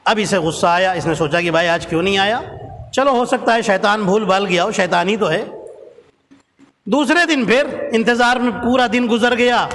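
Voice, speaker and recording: A man's voice: high voice, fairly bright tone, slight background noise. A male preacher telling a story in a sermon, often urging the audience to pay attention. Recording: long hall reverb.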